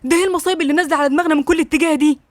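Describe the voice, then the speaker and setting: A woman's voice: sits high, fairly even intonation, racing, no echo, voice pushed up, natural voice. A woman with an Egyptian accent voicing a worried young businessman, urgent and fretful. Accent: Egyptian Arabic.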